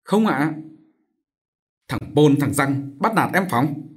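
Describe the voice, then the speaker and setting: A man voicing a frightened old male servant who speaks hurriedly and in hushed tones. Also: on the high side, expressive, slow pace. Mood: anxious.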